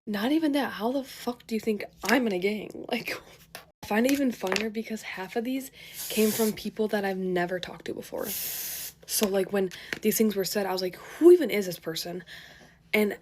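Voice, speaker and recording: A young woman in a storytime vlog, animated, laughing and swearing through a rant. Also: medium pitch, normal speed, noisy background.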